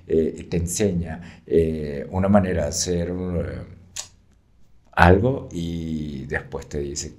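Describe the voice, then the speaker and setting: Male teacher, very low voice, unhurried, patient explainer. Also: a little mellow. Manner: patient, frequent fillers, checks in with "¿sí?". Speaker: French teacher. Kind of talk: explaining in an interview.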